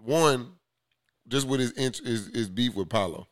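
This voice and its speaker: A man's voice: medium pitch, a little slow, no echo, clean studio sound. A laid-back man in his thirties, co-hosting a casual basketball chat in slangy, rambling talk.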